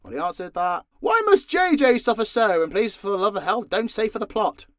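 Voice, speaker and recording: A man from southern Britain, an audio story creator and voice actor, answers questions in a casual, unscripted Q&A, blunt and joking with plenty of swearing in his southern English accent. His voice is high-pitched with big pitch swings, fairly quick and fairly bright. The studio-quality recording has no room sound.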